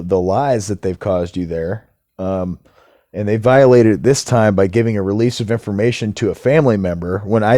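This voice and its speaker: Heated, ranting man with a low voice. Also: a little mellow, dry recording, studio quality. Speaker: vlogger. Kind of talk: casual monologue to camera.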